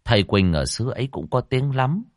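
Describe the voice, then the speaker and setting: A man narrating a ghost story in an expressive, dramatic storytelling manner. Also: medium pitch, normal speed, dry recording. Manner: expressive, rising and falling storytelling. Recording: dry close mic with faint music.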